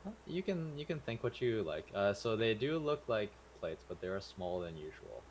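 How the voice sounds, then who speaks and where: Deep-voiced man running a tabletop game. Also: sing-song, normal speed, a little mellow, a little hiss or hum. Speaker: game master.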